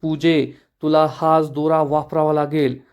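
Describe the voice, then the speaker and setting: A man voicing an angry young wife, commanding, scolding, slightly high voice. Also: level tone, unhurried, darkish tone, clear, resonant tone, muffled recording, natural voice. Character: angry scheming young wife, sharp-tongued woman.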